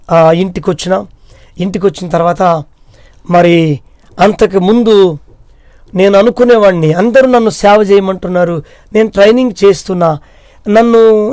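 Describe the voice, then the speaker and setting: A man's voice: high-pitched, a little mellow, no echo, studio quality. A middle-aged man from India with a Telugu accent, a pastor telling his personal testimony in a repetitive, pleading way. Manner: repetitive, pleading, tearful retelling.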